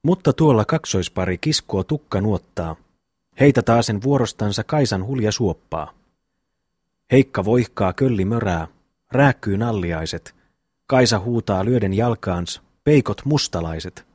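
A cheeky young brother rattles off a long mocking rhyme in a bouncing sing-song beat, read by a man. The voice sits low and a little husky. It is heard dry and close in an audiobook. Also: expressive, darkish tone, dry recording. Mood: teasing, rhythmic. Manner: rhythmic sing-song recitation of rhyming verses. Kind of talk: audiobook reading.

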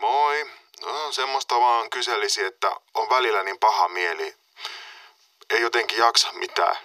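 A man's voice: lowish voice, pushed and bright, no echo. A man voicing a listless caller who leaves a gloomy voicemail message. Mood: weary.

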